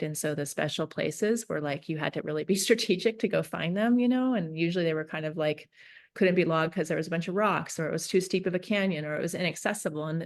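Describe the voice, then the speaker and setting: A woman from Northern California, a peacemaker and facilitator, talking through her thoughts in an interview with many pauses and restarts. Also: low-pitched. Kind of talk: reflective interview talk.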